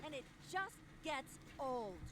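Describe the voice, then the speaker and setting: A woman voicing an excitable, easily annoyed cartoon character. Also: high voice, takes it slowly, background noise, exaggerated voice. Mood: fed up.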